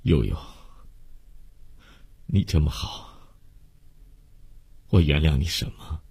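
Man doing a frail young guy, quiet and earnest, very deep husky voice. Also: unhurried, exaggerated voice. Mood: tender. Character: frail dying young man, gentle and devoted.

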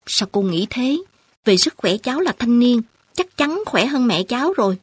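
A woman voicing an earnest, determined young woman student who talks her elders round, with a husky voice. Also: a little high, very animated, moderate pace, dry recording, voice pushed up. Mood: eager. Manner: earnest and insistent.

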